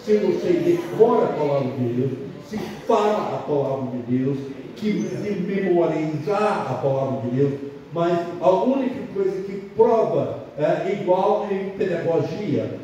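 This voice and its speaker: An older, foreign-born pastor, not from Brazil and not a native Portuguese speaker, preaches a sermon in a learned language, emphatic and repetitive. His fairly high, mellow voice has lively intonation and a slightly slow pace, captured on a distant, muffled mic in a very echoey church hall.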